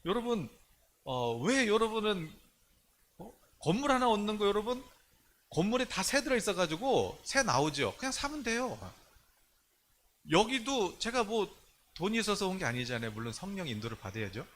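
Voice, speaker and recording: With a high voice at a moderate pace, a male pastor gives a conversational sermon in church. He is animated and colloquial, talking loosely and acting out the people he quotes. Slight background noise is present.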